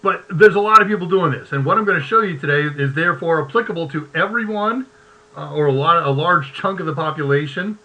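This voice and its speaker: A man's voice: a little high, a little fast, sharp tone, rough recording. A man hosting a live tech show, chatty and easygoing, who laughs often and reads short verses aloud. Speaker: host.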